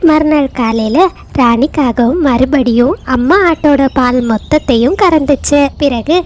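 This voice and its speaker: High-voiced woman narrating a fable. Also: a little slow, a little hiss or hum. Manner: steady storytelling. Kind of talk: storybook narration.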